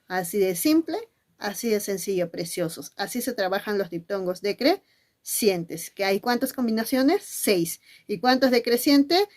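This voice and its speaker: A woman teacher at medium pitch walks through a spelling lesson. She poses questions and answers them herself, and she calls her pupils endearing names. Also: expressive, a little slow, a little mellow.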